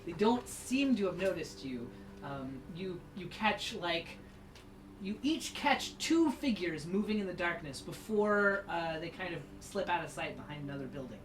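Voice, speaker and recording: A woman's voice: on the low side, lively intonation, normal speed, roomy sound, distant mic. A woman running a tabletop game as game master, narrating with many fillers and restarts. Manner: hesitant, lots of fillers and restarts.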